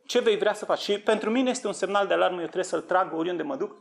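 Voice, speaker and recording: A man with vocal fry preaches a sermon on end-times prophecy, urgently exhorting listeners with rhetorical questions. He swings from low, earnest tones to high, fervent outbursts.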